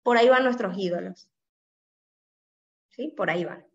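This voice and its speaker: A woman's voice: mid-range voice, normal speed, muffled recording. A woman with a Caribbean Spanish accent, leading a Bible study, explaining verses and often checking in with "¿no?" and "¿sí?". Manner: explanatory, asks listeners with frequent "¿no?" and "¿sí?".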